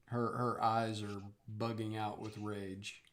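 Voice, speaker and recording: A man working as game master, narrating a tabletop game off the cuff and halting as he gropes for words. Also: fairly low pitch, level tone, fairly bright tone.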